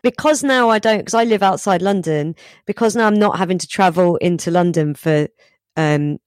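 A woman's voice: on the low side, moderate pace, no room sound. Wry woman comedian, dry close sound. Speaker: comedian, podcast guest. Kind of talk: casual chat.

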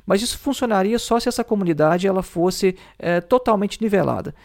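A man's voice: sits high, expressive, fairly quick, vocal fry. A man explaining philosophy in a lecture, thinking aloud with many fillers and tag questions. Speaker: teacher.

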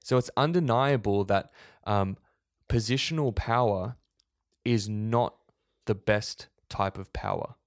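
A man with a fairly low voice co-hosts a faith discussion podcast, laying out his points in an earnest, preachy way. The sound is dry and close. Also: takes it slowly, no room sound. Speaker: podcast co-host.

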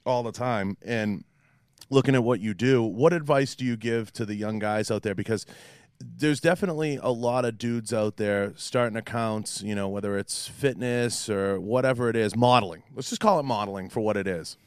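A man's voice: medium pitch, normal speed, a little mellow, smooth, dry recording. A man with a Boston accent talking casually and candidly as an interviewer, in a wordy, emphatic way. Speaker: podcast interviewer. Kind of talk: casual interview chat with swearing.

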